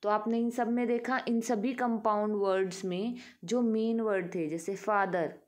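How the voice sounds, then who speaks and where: A woman's voice: mid-range voice, fairly even intonation, a little slow. A woman teaching a grammar lesson, patiently asking the class questions and answering them herself. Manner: addresses pupils affectionately as "beta".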